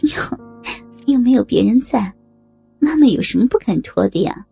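A woman's voice: a little high, expressive, normal speed, gravelly, mellow, husky, soft background music, heavily acted. A woman playing a coy, teasing mother. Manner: teasing, giggly. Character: playful flirtatious middle-aged mother.

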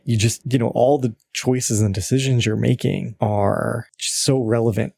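A man's voice: mid-range voice, fairly even intonation, normal speed, vocal fry, mellow, husky, dry recording. A man co-hosting a podcast in casual chat, rambling along, swearing freely and filling his talk with likes and you-knows. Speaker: podcast co-host.

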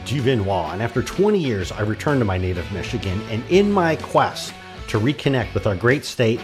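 A man's voice: lowish voice, sing-song, normal speed, music in the background. A man hosting a podcast, giving friendly, upbeat introductions and asking his guest questions. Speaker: podcast host. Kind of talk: podcast interview.

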